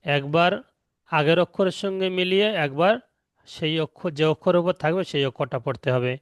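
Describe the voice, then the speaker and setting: Patient male Quran teacher, clear high voice. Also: no room sound, clean studio sound. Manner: slow patient explanation, repeats each rule step by step. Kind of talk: online tajweed lesson.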